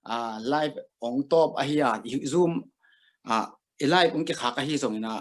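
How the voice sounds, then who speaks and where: A man's voice: mid-range voice, normal speed. A man hosting a live stream over a video call, talking loosely with frequent "ah" fillers. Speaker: host.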